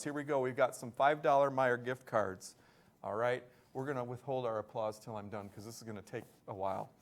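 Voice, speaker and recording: A man doing live school morning announcements, upbeat and rattling off long lists of names with bursts of excitement. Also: a little high.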